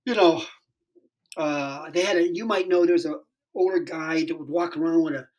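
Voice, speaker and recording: A man in his sixties, a stand-up comedian, tells a rambling, animated, profane story as a podcast guest, full of fillers and restarts in a casual storytelling interview. His voice sits on the high side at a normal speed, and the recording is rough.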